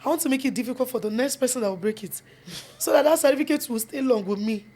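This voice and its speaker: Quick-paced and warm, this fairly high female voice belongs to a young Nigerian film producer and actress with a Yoruba accent. In earnest interview answers, she mixes English and Yoruba mid-sentence and repeats phrases for emphasis.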